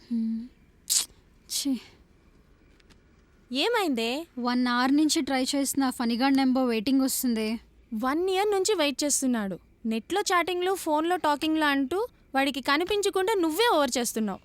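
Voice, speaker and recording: An actress playing a young woman in a film comedy who teases her friend in quick banter. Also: high-pitched, animated, no echo. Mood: curious.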